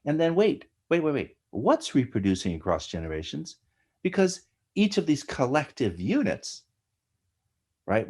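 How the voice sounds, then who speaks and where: A middle-aged American man, an academic guest, explains ideas in an animated lecturing way, often tagging his points with "right?". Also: fairly low pitch, breathy edge. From United States. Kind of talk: explanatory interview talk.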